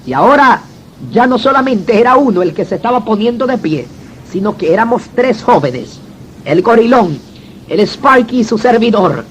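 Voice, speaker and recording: A man's voice: very high voice, animated, moderate pace, a bit bright, a little hiss or hum, low-quality recording. A man giving a religious conversion testimony, telling it dramatically and addressing the listener as brother. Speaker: former gang member giving a testimony.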